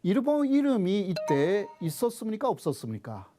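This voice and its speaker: High-pitched, animated Japanese-accented man lecturing. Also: normal speed, over music. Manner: didactic, asks questions then answers them. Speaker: professor giving a lecture. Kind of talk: explanatory history lecture.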